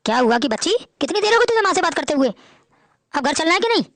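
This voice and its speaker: A woman's voice: extremely high pitch, sing-song, fast, fairly bright tone, no room sound, heavily acted. A woman playing an arrogant, boastful rich son-in-law in a family drama, bossy and scornful. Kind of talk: Hindi family drama acting.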